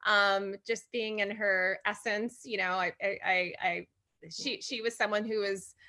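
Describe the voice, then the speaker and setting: A woman's voice: medium pitch, steady tone, unhurried, pushed and bright. A woman from Hawaii, a podcast guest, chatting casually with many fillers, restarts and frequent laughter. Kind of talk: casual interview chat.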